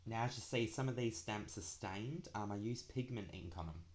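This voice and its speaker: A man's voice: lowish voice, moderate pace. A young man chatting casually through a craft walkthrough, dragging out his s sounds. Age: young adult. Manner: drags out the s sounds. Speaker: craft planner vlogger.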